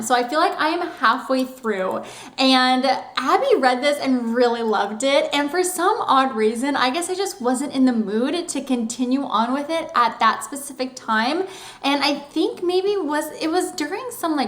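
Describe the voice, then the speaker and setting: A woman's voice: fairly high pitch, a bit bright. A young woman hosting a book vlog, talking casually and rambling with lots of "like" fillers. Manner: chatty and rambling, heavy use of "like". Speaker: book vlogger. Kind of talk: casual chat to camera. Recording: roomy echo.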